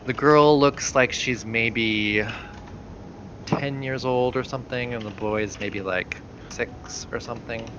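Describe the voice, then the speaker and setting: A man's voice: mid-range voice, steady tone, takes it slowly, fairly bright tone, muffled recording, slight background noise. A man narrating a tabletop game as game master, hesitant and full of fillers.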